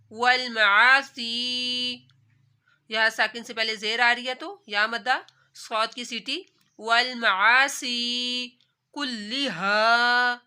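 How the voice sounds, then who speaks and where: A woman with a Pakistani Urdu accent teaching recitation, with a very bright, sharp tone and a slightly high voice. She chants each word slowly and stretched out, then rattles off the rule behind it in a quick explanatory voice. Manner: recites words slowly and drawn out, then explains rules rapidly. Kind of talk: tajweed lesson, alternating slow recitation and quick explanation.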